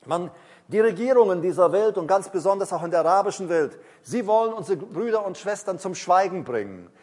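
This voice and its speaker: A man preaching a sermon, emphatic and repeating key phrases, slowing down when he reads scripture aloud. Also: high-pitched, expressive, a little mellow, big-room sound. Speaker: pastor.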